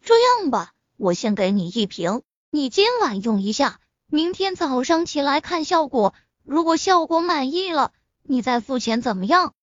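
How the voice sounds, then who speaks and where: A woman's voice: high voice, very animated, moderate pace, no echo. A woman voicing a confident, blunt young man in a spoken web-novel reading, with a slightly muffled lo-fi sound. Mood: assured. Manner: self-assured, dealmaking.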